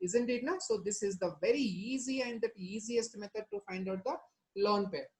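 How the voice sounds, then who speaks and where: A male teacher with a Telugu Indian accent and Telugu as his first language speaks very quickly in a high register for a man. He explains step by step in an interactive lesson, repeating himself and often checking with short tag questions. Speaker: chemistry teacher.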